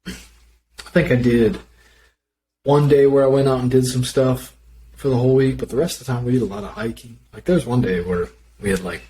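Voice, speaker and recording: A man with a Minnesota accent chats casually on a fitness podcast, cracking dry jokes at his own expense. His voice sits at a middle pitch. A faint hiss runs under the talk. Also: fairly even intonation, a little fast, warm tone, poor audio. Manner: joking, self-deprecating. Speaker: podcast co-host. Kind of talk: casual chat.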